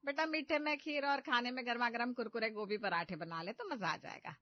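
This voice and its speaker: A woman voicing a bossy, sharp-tongued middle-aged mother-in-law who scolds loudly and impatiently in a cartoon story. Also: on the high side, brisk, dry recording, close to an everyday voice. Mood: instructing. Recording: slightly dull audio with background music.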